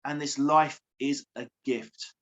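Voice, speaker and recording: A man's voice: mid-range voice, steady tone, slow, lo-fi sound. A man, a coach speaking earnestly as an interview guest, repeating phrases for emphasis. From England. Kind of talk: heartfelt interview.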